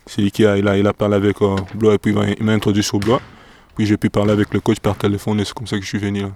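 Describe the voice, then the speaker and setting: A man's voice: on the low side, completely flat delivery, rapid-fire, a little mellow, slight background noise. A young man from DR Congo, a professional basketball player answering interview questions hesitantly and searching for words.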